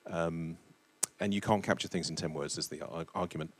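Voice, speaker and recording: Very deep-voiced man on a panel. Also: steady tone, a little fast. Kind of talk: panel answer.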